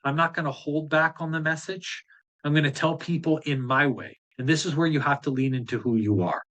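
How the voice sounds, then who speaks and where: A man's voice: fairly high pitch, fairly even intonation, fairly quick, fairly bright tone. A man coaching a live group session, talking in a direct, blunt and fired-up way with casual swearing. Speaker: business coach.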